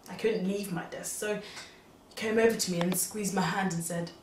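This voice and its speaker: An actress playing a young married, pregnant woman, animatedly recounting events to her mother, at times exclaiming and at times hushed. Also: mid-range voice, fairly even intonation, moderate pace, natural voice. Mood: worried. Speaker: daughter confiding in her mother. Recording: distant, roomy sound with faint background noise.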